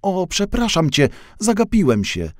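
A man voicing a curious, excitable young male mail van in a children's audio story, speaking in lively, wide-eyed chatter. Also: high voice, a little slow, no room sound, clean studio sound, voice pushed up, full character voice. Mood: excited.

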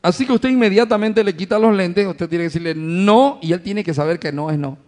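A pastor preaches in a fairly high male voice, calling his listeners brothers. He leans on rhetorical questions and acts out little scenes of home life to drive each point home. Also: quick pace, darkish tone. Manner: addresses the congregation as brothers. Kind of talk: sermon.

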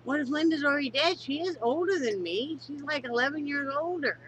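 Sitting on her living room couch, a Wyoming vlogger in her fifties speaks into a nearby webcam for a casual home vlog. She sounds congested, her voice high, animated and fairly quick; she's candid and swears freely, though she grows somber and quiet, and a little hiss or hum runs under the audio.

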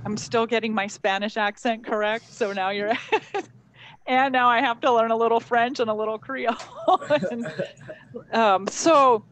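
A woman's voice: fairly high pitch, fairly even intonation, measured pace, fairly bright tone, slight background noise, rough recording. A woman hosting a live-streamed interview, introducing her guest in a chatty way with frequent ums and restarts. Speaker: host.

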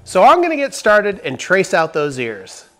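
This man in his forties, a woodworking host, uses a high-pitched, fairly bright voice with huge pitch swings, speaking at normal speed. He's narrating an upbeat step-by-step tutorial on a lapel mic in a big workshop with wooden walls. Faint music sits behind him as he punches his sentence openings.

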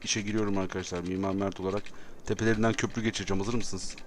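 A man's voice: deep voice, little pitch movement, very fast, slight background noise. A Turkish man commentating a city-building game, given to dramatic exasperated outbursts and repeated phrases. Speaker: gameplay commentator. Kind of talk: excitable gameplay commentary.

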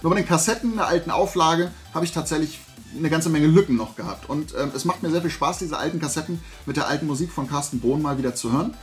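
A man hosting a collecting haul vlog chats casually to camera in a small indoor room lined with collectibles. His voice is a little high and he talks fast, blunt, opinionated and colloquial, with faint music in the background.

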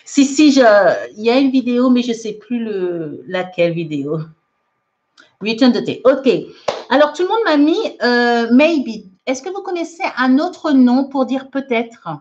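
A woman's voice: fairly high pitch, lively intonation, measured pace, darkish tone. A woman teaching English in a live online lesson, reading out viewers' comments and correcting them in a chatty way with frequent laughs, mixing French and English. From France. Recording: dull lo-fi livestream audio.

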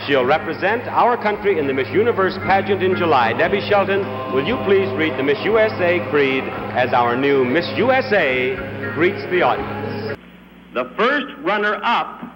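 A man's voice: fairly high pitch, expressive, moderate pace, rough recording. A middle-aged man hosting a live pageant on a big stage, making ceremonial announcements and giving directions into a handheld microphone. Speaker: pageant host. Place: large stage in an auditorium with audience. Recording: old TV broadcast, loud band and applause. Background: loud music and cheering crowd.

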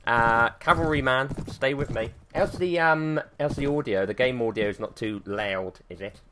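A young man streaming a battle game live, animated and jokey, barking orders at his troops and swearing cheerfully. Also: mid-range voice, moderate pace, slight background noise. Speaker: gaming streamer. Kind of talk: live gameplay commentary.

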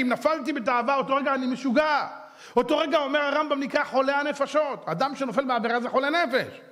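A man, a rabbi, giving a lively sermon with anecdotes, acting out voices in quotes and firing rhetorical questions. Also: very high voice. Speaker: rabbi giving a Torah lecture. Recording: long hall reverb.

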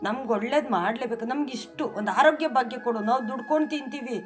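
A middle-aged woman pours out a fervent spoken prayer, pleading directly with the deity. Her voice sits a little high. Soft music plays faintly behind her. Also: fast. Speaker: devotional channel host.

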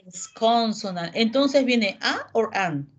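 A patient English teacher leads an online class over video, calling on students and slowly explaining while switching between Spanish and English. Her fairly high voice has lively intonation, and the sound is lo-fi.

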